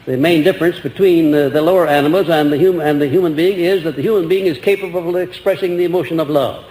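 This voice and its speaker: A man's voice: on the high side, fast, a little mellow. An older man giving an earnest, rambling lecture to an audience, heard on an old archival recording. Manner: earnest, rambling with restarts and rhetorical questions. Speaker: lecturer answering audience questions. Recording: echoey old hall recording with faint hiss.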